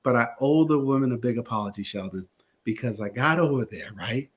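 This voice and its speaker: A man from Connecticut, a guest attorney and theater producer, telling stories in a casual interview with animated delivery. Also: medium pitch, a little fast. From Connecticut, USA. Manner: animated storyteller, lively voices in anecdotes.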